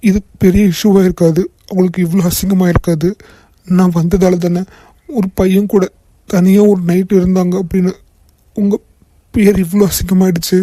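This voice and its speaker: A voice actor playing a young male boss in a cartoon who keeps apologizing in a soft, tearful way. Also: mid-range voice, level tone, moderate pace, natural voice. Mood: guilty, tearful. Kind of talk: cartoon voice acting.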